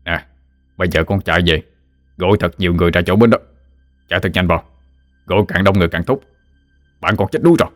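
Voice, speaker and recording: A man's voice: low-pitched, fast talker, pauses often, dry recording, studio quality, soft background music, lightly acted. A man voicing an urgent, commanding old village man.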